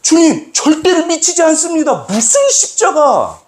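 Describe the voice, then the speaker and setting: A man doing a shrill, indignant apostle. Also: wildly swooping pitch, measured pace, exaggerated voice. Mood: indignant rebuke. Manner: high, strained, protesting. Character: agitated male apostle scolding his master. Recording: echoey church sanctuary.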